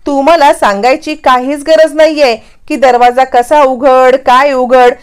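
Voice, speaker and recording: A stubborn, sharp-tongued young woman, voiced by a woman narrator. Her voice sits high and smooth, and she keeps scolding with defiance. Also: fairly even intonation, measured pace. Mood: defiant, scolding.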